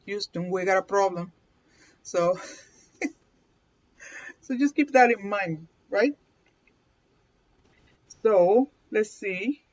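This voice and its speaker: A woman with a Puerto Rican accent speaks very slowly in a mid-range, slightly mellow voice, leaving long pauses as she hosts a chatty live card reading. She often laughs and asks viewers "okay?", and the stream audio sounds dull and lo-fi.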